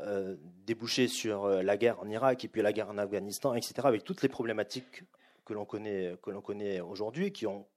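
A middle-aged man giving a public lecture to a live audience, explaining in a measured, hesitant way with frequent pauses and restarts. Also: mid-range voice, darkish tone.

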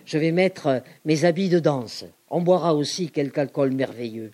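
A woman giving an expressive, outspoken dramatic reading of letters. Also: low-pitched, normal speed. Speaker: reader.

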